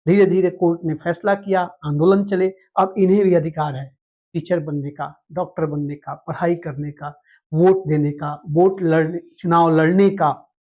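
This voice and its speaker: Female teacher giving a slow, patient lecture, often checking understanding; muffled, low-fidelity sound. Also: steady tone, mellow. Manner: explains slowly, repeats key terms, checks understanding with asides. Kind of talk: classroom lecture.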